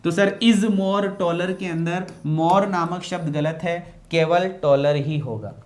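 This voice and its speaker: A man's voice: on the high side, takes it slowly. Man teaching English grammar. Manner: repeats key phrases, quizzes students with questions. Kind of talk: classroom grammar lecture.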